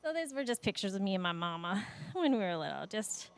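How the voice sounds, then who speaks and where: A woman's voice: mid-range voice, very animated, a little fast, clean tone. A woman in her forties giving a sermon in a church, telling personal stories in an emotional way and laughing often. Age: 40s. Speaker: guest speaker. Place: church sanctuary.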